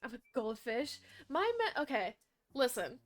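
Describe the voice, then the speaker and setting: A woman's voice: a little high, unhurried. Chatty young woman streaming. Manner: chatty, animated, frequent self-corrections. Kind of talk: casual rambling chat to stream chat.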